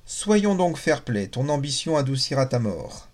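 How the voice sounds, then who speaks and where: A man's voice: medium pitch, sing-song, measured pace, darkish tone. Sly mocking sphinx, read by a man, hungry, boastful, storybook fable.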